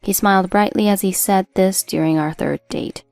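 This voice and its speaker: A woman reading a first-person drama story as a narrator in a steady storytelling delivery. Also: medium pitch, moderate pace, gravelly, no room sound, faint music behind.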